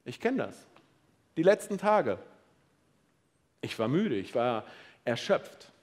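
A middle-aged man preaching a sermon, lively and playful, talking straight to his congregation with questions. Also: mid-range voice, slow pace. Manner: lively, playful, addresses the audience directly.

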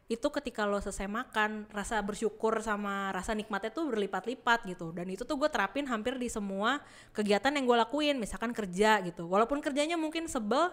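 A woman's voice: a little high, fairly quick. A young woman, chatting casually as a podcast host, laughing often and explaining with everyday examples. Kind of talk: casual chat.

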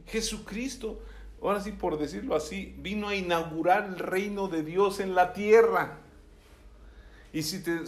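A male preacher giving a sermon, reading scripture aloud and often checking in with his listeners. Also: sits high. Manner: keeps asking the listeners "¿sí?"; reads scripture aloud with emphasis.

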